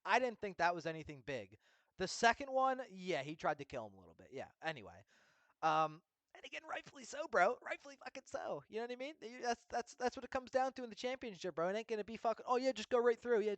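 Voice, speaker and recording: A man's voice: fairly high pitch, fairly bright tone, dry recording. A young man hosting a casual racing recap, ranting heatedly and swearing constantly. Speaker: F1 recap host. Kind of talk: casual commentary rant.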